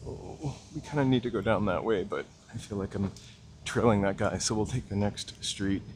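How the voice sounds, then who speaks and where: The man's voice is on the low side and a little mellow, moving at a normal speed as he walks city streets on a live stream. He greets viewers by name, points out sights and chats casually into a handheld gimbal camera mic, with slight background noise.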